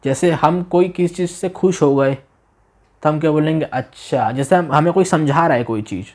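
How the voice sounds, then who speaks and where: A man's voice: a little high, a little mellow. Male language teacher, repetitive questioning. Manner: repeats phrases slowly and asks the listener questions; exaggerates tone to demonstrate meaning. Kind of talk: demo class lesson taught in Hindi.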